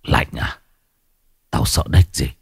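A man's voice: slow pace, a little mellow, dry recording, clean studio sound, natural voice. A man voicing a possessed old village man who mutters coldly and menacingly. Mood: eerie, menacing.

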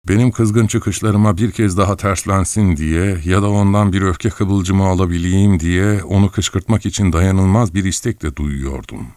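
A man reading a first-person audiobook story in an expressive, wry storytelling manner. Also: sits low, measured pace, few pauses, no echo. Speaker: audiobook narrator.

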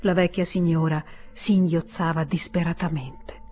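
Husky lady reading a novel aloud, steady, soft music in the back. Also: deep voice, unhurried. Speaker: audiobook reader. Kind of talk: literary audiobook narration.

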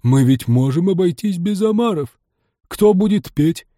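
A man's voice: high voice, animated, dark tone, no echo, clean studio sound. A man voicing a weepy, mournful female mock turtle in a storybook audiobook. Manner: mournful, slow singing and talking. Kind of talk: audiobook reading.

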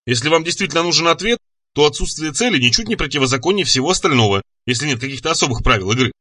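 A man's voice: on the high side, animated, very fast, sharp tone, husky, dry recording, full character voice. A man voicing a wry young man who speaks in a dry, offhand way.

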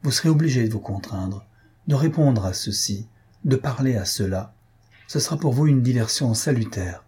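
A man's voice: medium pitch, expressive, moderate pace, mellow, breathy edge. A man voicing an affectionate but bossy society lady who talks firmly and coaxingly.

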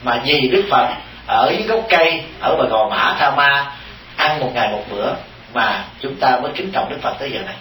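A male Buddhist monk giving an animated, teasing dharma talk, often turning to his audience with questions. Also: medium pitch, fairly quick, recorded from a distance, a little hiss or hum. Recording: echoey hall from off-mic.

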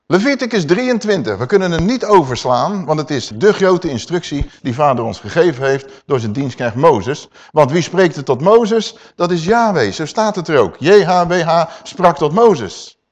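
Guy preaching a sermon, voice on the higher side, keeps firing questions at the crowd. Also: lo-fi sound. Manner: animated, many rhetorical questions to the congregation.

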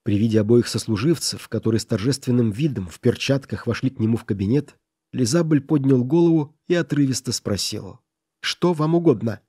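Mellow male audiobook narrator. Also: medium pitch, a little fast, breathy edge, dry recording, clean studio sound. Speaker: audiobook reader.

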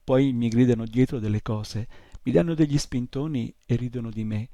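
A man doing a shy, quiet little boy. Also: mid-range voice, moderate pace, no room sound, close to an everyday voice. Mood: timid. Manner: quiet, hesitant. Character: shy, timid young boy.

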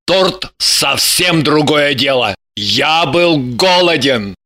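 A woman's voice: sits low, animated, slow pace, pushed and bright, pitched below the performer's own voice, heavily acted. A woman putting on a grumbling, self-pitying man. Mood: defensive. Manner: plaintive, grumbling, defensive. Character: sulky, self-pitying man, evasive and sly. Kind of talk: audiobook character voice.

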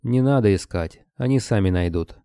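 A man voicing a calm, terse male rat creature who hisses and speaks in short clipped phrases. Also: fairly low pitch, moderate pace, clean tone, no room sound, clean studio sound, lightly acted.

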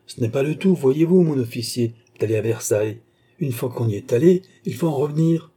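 A man's voice: medium pitch, animated, brisk, mellow, voice pushed up. A man reading an audiobook, voicing a grumbling, greedy coachman who haggles over the fare. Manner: gruff, bargaining, sly. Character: grumbling greedy old Paris coachman, half frozen.

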